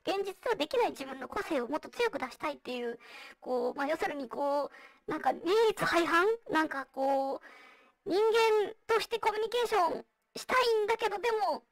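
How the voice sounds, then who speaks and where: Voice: a little fast, creaky, recorded from a distance, rough recording. A presenter with a girlish feminine voice electronically processed through a voice changer, explaining survey results in a conversational way. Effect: voice changer, processed into a high feminine voice. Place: online virtual-reality venue.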